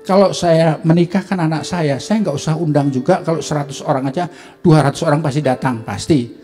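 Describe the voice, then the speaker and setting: Indonesian pastor preaching with soft music. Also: male voice, a little fast. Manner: storytelling, acts out dialogue with rising pitch, laughs. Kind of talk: sermon with personal story. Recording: faint music behind.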